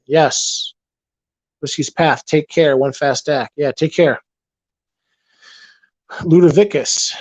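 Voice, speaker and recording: A livestream host reads chat late at night, rambling and frequently repeating or restarting his sentences. His somewhat high male voice has a darkish tone and sounds worn, as though he's losing it after hours of talk. The rough recording is dry and close, with no echo or room around it.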